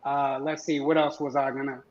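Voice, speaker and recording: A man's voice: mid-range voice, level tone, brisk. Hesitant man on a roomy, dull line. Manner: hesitant, many ums and uhs. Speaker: guest husband. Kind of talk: casual video-call chat.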